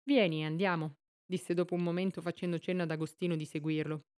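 A woman reading a literary novel aloud in a steady, measured storytelling manner. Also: fairly low pitch, clear, resonant tone. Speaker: audiobook reader.

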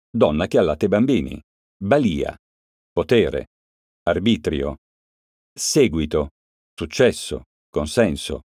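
A man reading a grammar lesson as scripted educational narration, slow and deliberate, pausing on each example word. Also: on the low side, a little mellow, dry recording, studio quality.

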